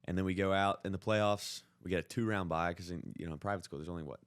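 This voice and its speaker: A fast-talking, low-pitched young American man, recorded dry in studio quality. He co-hosts a podcast and tells sports stories in informal, slangy chat that leans hard on "like."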